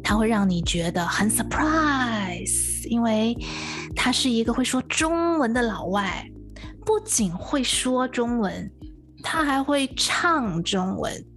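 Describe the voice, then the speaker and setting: A woman's voice: fairly high pitch, animated, slow, a bit bright, soft background music. A woman hosting a radio interview, addressing listeners and her guest with frequent exclamations.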